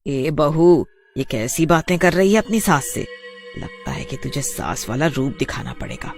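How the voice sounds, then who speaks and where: Old mother-in-law played by a man, high whiny voice, nagging, cartoon story. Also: animated, a little slow, vocal fry, faint music behind.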